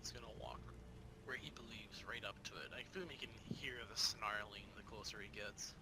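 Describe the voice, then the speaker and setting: A man playing a tabletop game, chatting casually about rules and his character's moves, recorded with noise. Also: fairly quick. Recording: noisy room with low rumble.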